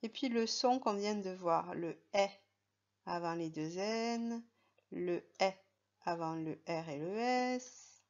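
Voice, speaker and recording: Slow, patient woman teacher spelling words. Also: mid-range voice, darkish tone, lo-fi sound. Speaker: primary school teacher. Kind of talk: remote reading lesson for young children.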